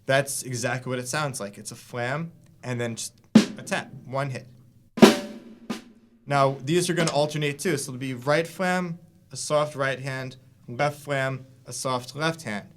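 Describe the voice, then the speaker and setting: A man's voice: mid-range voice, unhurried, fairly bright tone, faint music behind. A man giving a casual drum lesson, explaining loosely with fillers and restarts. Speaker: drum teacher. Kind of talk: casual instructional talk. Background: drum hits between lines.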